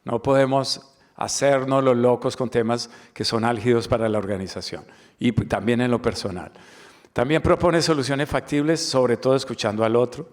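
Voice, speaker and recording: A man from the Dominican Republic gives a corporate training webinar lecture in a medium-pitched, steady voice at normal speed. He is emphatic, likes rhetorical questions, and repeats key words.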